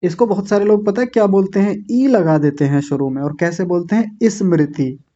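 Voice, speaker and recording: A man teaching an online class, slowly and patiently drilling each syllable and gently correcting common mistakes. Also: high-pitched, highs cut off. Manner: repeats words slowly, syllable by syllable, with corrective asides. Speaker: Sanskrit pronunciation teacher. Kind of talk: slow patient classroom instruction.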